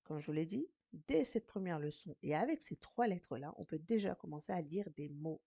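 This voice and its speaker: A patient woman teacher walks learners through an Arabic reading lesson in French, slowly sounding out each syllable. Her voice sits a little low, mellow and soft-edged, in a dry, close-sounding room with no echo. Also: lively intonation, gravelly. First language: French speaker teaching Arabic. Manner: patient, slow, spells out syllables. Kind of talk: recorded lesson explanation.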